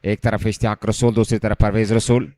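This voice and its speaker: Man giving excited live cricket commentary. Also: lowish voice, fairly quick, no echo, studio quality.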